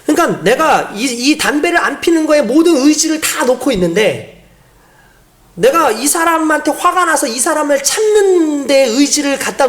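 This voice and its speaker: A woman pastor preaching a sermon, explaining step by step and asking the congregation rhetorical questions. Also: sits high.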